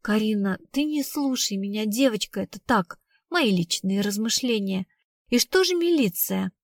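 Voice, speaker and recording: A woman's voice: medium pitch, expressive, normal speed, no echo, studio quality, close to an everyday voice. Woman doing a nosy, gushing older woman. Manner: breathy, gushing. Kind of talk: audiobook reading.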